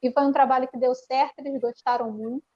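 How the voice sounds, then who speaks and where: A woman's voice: high voice, steady tone, fast, highs cut off. A woman teacher with a Brazilian Portuguese accent explains a classroom activity over a video call, with many restarts and fillers. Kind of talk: online panel presentation. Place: home.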